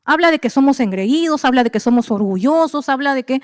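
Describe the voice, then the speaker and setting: A woman's voice: high-pitched, expressive, a little fast, no room sound, clean studio sound, big-room sound. A middle-aged woman pastor, preaching animatedly and acting out the voices of believers and of God. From Peru. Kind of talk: sermon.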